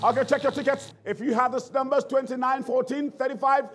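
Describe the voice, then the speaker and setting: High-pitched Nigerian showman with barker's patter. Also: fairly even intonation, brisk. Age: middle-aged. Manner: showman's hard-sell barker patter, repeating calls to the crowd. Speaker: game show host. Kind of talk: live lottery draw hosting. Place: large indoor stage before a seated audience. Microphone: handheld microphone. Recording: music behind, live stage microphone.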